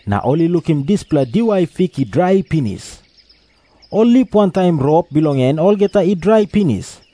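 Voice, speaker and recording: A man's voice: on the high side, big pitch swings, normal speed, mellow, dry recording. A man with a Papua New Guinean accent narrating scripture as a scripted story.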